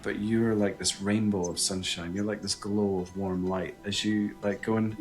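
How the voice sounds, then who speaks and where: On a video call with faint music behind him, a Scottish man with a lowish voice and little pitch movement talks at normal speed. He's a psychic medium being interviewed conversationally, earnest and reflective, searching for words.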